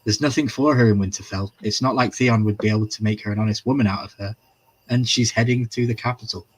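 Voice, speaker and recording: A man's voice: lowish voice, steady tone, fast, slightly rough. A man hosting a casual live-stream recap, chatty and profane, reading viewers' comments aloud as he goes.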